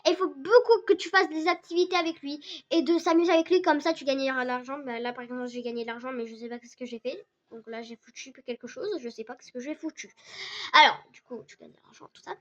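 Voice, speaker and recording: A young woman with a sore, hoarse throat, rambling excitedly in casual game commentary for her channel. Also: high voice, quick pace. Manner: rambling, excitable, many restarts and fillers. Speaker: gaming channel host. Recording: dull lo-fi recording.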